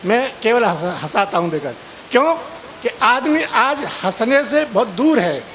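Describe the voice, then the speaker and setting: A man's voice: extremely high pitch, animated, measured pace, a bit bright, slight background noise. A man performing as a comic poet on stage, mixing sung verse with teasing chat to the audience. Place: outdoor poetry gathering stage.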